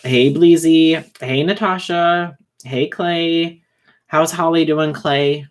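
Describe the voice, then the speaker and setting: A man hosting a casual livestream who talks fast and rambles, with many fillers and restarts. He is short on sleep. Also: fairly high pitch, steady tone. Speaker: livestream host reading chat.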